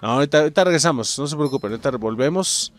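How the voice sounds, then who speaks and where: Excitable Mexican man commenting on gameplay. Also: medium pitch, racing. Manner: excitable, swears, exclaims at the game, talks to viewers. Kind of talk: let's-play commentary.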